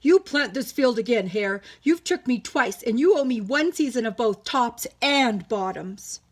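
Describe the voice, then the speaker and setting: A woman voicing a lazy, grumpy male bear in a children's story, groggy and slow-witted as he grumbles. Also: a little high, lively intonation. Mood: grumbling. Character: sleepy, lazy, grumpy big male bear, easily fooled.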